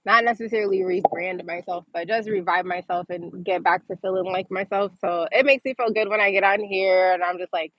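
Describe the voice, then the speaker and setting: A woman from Massachusetts hosts a casual livestream, reading viewer comments and answering them in an informal, chatty way, often laughing as she talks. Her voice is medium-pitched with fairly even intonation, and she speaks fairly quickly with few pauses. The sound is lo-fi.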